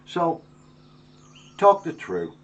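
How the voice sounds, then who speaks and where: A man's voice: fairly high pitch, very animated, drawn-out words, a bit bright. Guy in his 50s, earnest and down to earth, chatting to camera in his workshop, bit of faint background noise. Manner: earnest, plain-spoken, acts out everyday dialogue. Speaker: woodworker. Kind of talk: reflective talk to camera. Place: home workshop.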